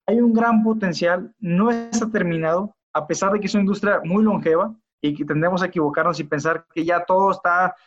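A man's voice: high voice, a little fast, hardly any pauses. A man, a biotechnologist guest on a podcast, talking earnestly and often repeating words as he restarts his sentences. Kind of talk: casual interview talk. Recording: dull lo-fi audio.

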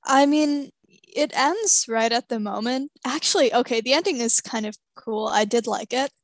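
Young woman, kinda high voice, lots of "like" and giggles, dry close mic. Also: moderate pace, no echo. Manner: casual, filler-heavy, giggly. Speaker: podcast co-host discussing a book. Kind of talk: casual chat.

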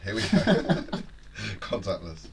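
A man's voice: on the low side, slow pace, vocal fry, recorded from a distance. A man from near Wales, co-hosting a casual podcast, reading odd news stories and laughing through them. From England, near Wales. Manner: laughs while reading, animated. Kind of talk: casual banter.

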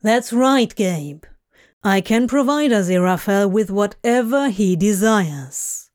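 A woman voices a sly, leering man with a lower, smug drawl. He speaks slowly and teasingly. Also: lively intonation, darkish tone.

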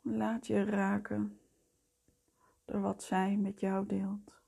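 A woman leading a guided meditation in a soft, breathy voice that often fades towards a whisper, soothing, gentle and unhurried. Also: mid-range voice, monotone. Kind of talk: slow guided meditation narration.

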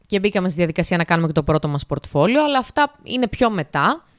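A woman's voice: on the low side, big pitch swings, no room sound, clean studio sound. A young woman hosting a casual solo podcast, chatty and speaking to her listeners directly with lots of filler phrases. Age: young adult. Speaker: podcast host.

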